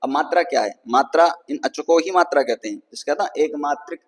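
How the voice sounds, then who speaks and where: Male Sanskrit tutor, patient explainer, slightly high voice, long hall reverb on the recording. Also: brisk, breathy edge. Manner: patient, repeats "ठीक है ना" to check understanding; draws out vowels to show their length. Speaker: Sanskrit teacher. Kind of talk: explanatory lecture.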